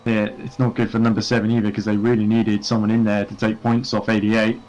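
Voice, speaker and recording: A man's voice: fairly low pitch, little pitch movement, quick pace, a little mellow, highs cut off. A man giving live commentary on a sim race, working through gaps and strategy with frequent fillers.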